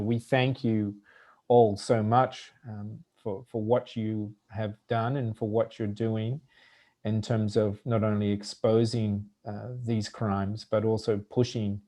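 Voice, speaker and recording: A man's voice: lowish voice, a little mellow. Man with an Australian-South African accent. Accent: mixed Australian and South African. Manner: informal, halting, many fillers. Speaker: moderator. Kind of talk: webinar moderating.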